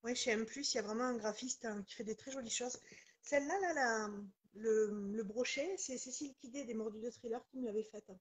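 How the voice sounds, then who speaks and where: Husky southwestern French woman. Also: on the high side, a little fast. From southwest France, near Toulouse. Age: 40s. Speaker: guest author. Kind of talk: live-stream interview chat.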